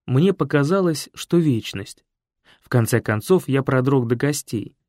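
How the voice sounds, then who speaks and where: A man narrating a humorous first-person story in a lively storytelling way. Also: mid-range voice, a little slow, no room sound, clean studio sound.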